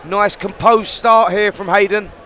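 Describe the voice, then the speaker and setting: A man's voice: high voice, steady tone, measured pace, pushed and bright, a little hiss or hum. A man giving conversational live boxing analysis as a co-commentator at ringside.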